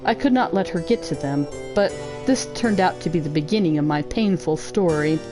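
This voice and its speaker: A woman voicing a mature sorceress, speaking formally in a measured, regretful confession. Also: fairly low pitch, expressive, music in the background, natural voice, low-quality recording. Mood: solemn.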